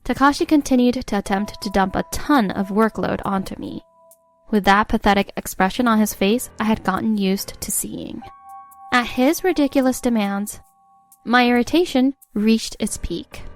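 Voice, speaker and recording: A slightly high voice at a moderate pace, lightly acted, belongs to an actress cast as a fed-up young wife. She narrates her story from a script, exasperated and sarcastic, against faint music.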